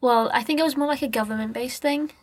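Her voice sits high and she talks fast, with no echo in the recording. She's a late-teen student from New Zealand, born in Nepal, chatting informally as a podcast guest and saying "like" a lot.

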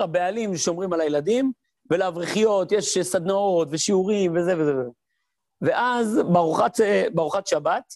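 A man's voice: high-pitched, creaky, no echo, studio quality. A man giving a Torah lesson as a rabbi, telling stories with sound effects and answering his own questions. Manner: lively storyteller who mimics sounds and voices; asks rhetorical questions and answers them. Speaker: rabbi teaching a class.

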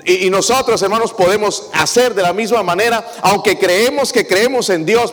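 A man's voice: sits high, big-room sound. A man preaching a sermon as pastor, asking his congregation questions as he goes.

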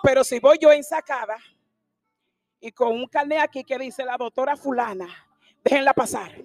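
Woman preacher, high voice, impassioned and emphatic, dry close sound, faint music behind. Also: normal speed, no echo. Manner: impassioned, emphatic, at times shouting. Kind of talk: sermon.

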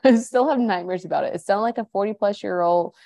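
A woman's voice: medium pitch, fast, creaky, dark tone. A woman co-hosting a casual podcast, chatting and reading listener stories aloud with her own asides. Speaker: podcast co-host.

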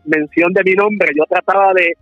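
A man in his thirties with a Puerto Rican Spanish accent calls in as a guest preacher and tells friendly stories. His fairly high voice comes through a dull, dry phone line, with faint music under it. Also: steady tone, normal speed, dry recording. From Puerto Rico. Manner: friendly storytelling, laughs often. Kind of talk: phone interview testimony.

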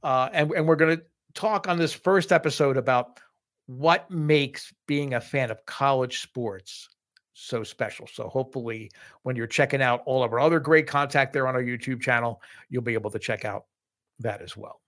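Middle-aged male podcast co-host, eager and chatty, medium pitch, lots of restarts. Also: moderate pace, a bit bright. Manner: enthusiastic, repeats words and restarts. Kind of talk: casual sports podcast chat.

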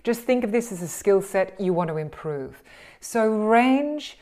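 A woman with an Australian accent, teaching voice and speaking skills in an animated, encouraging way and acting out the exercises she describes. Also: fairly low pitch, normal speed. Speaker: voice and communication coach. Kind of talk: instructional talk on speaking skills.

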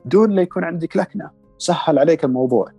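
Quick husky man, halting speech. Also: a little high, dark tone, no room sound, faint music behind. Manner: quick, hesitant, many fillers. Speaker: voice-over artist, guest. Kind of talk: casual interview chat.

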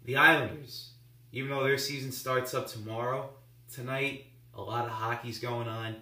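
A man talks through baseball and hockey recaps in a loose, rambling monologue with a touch of sarcasm. His voice is bright and forceful. It sits a bit back from the mic in a roomy space that echoes. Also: medium pitch, steady tone, moderate pace. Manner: rambling, conversational, mildly sarcastic. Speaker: sports talk show host. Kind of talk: casual sports commentary monologue. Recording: roomy echo, voice somewhat far from the mic.

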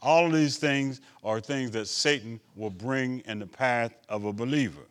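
A male bishop preaching a sermon, asking "Amen?" of the congregation, swinging between loud emphatic lines and quiet asides. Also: medium pitch, normal speed. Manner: preaching with call-and-response asides.

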